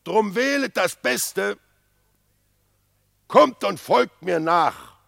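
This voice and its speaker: An actor playing a proud, boastful bear who serves as royal messenger, declaiming pompously in a classic radio play. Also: male voice, sits high, animated, drawn-out words, creaky, a bit bright, dry recording, studio quality, in a large hall, exaggerated voice. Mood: loud, threatening.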